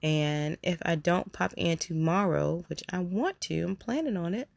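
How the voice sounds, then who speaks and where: With a nose clearly blocked by a cold, this host talks alone on a casual podcast, heartfelt and meandering, often repeating words. There's vocal fry and lively intonation in a medium-pitched voice at normal speed, recorded with no echo.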